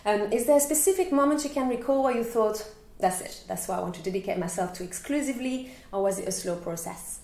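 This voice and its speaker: A woman's voice: fairly high pitch, fast, hardly any pauses, a little mellow. A woman podcast host with a mixed French and South African accent, reading a playful scripted introduction and asking interview questions. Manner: playful, teasing asides. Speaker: podcast host, yoga teacher.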